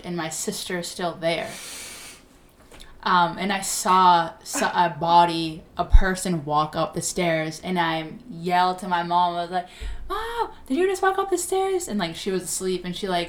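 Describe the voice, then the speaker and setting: A young adult woman hosting a podcast, telling stories in casual chat with restarts and bursts of laughter. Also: fairly low pitch. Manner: chatty storytelling with restarts and laughter. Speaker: podcast host.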